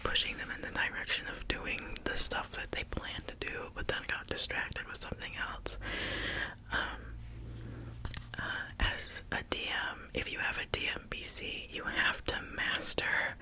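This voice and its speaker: An ASMR creator chatting in a soft, breathy whisper, with gentle pauses between phrases. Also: low-quality recording.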